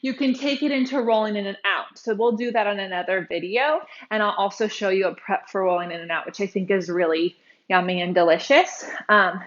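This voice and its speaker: Breathy, bubbly woman teaching Pilates. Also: medium pitch, fairly quick, muffled recording. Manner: bubbly, chatty, demonstrating while moving. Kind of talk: demonstrating a workout tutorial.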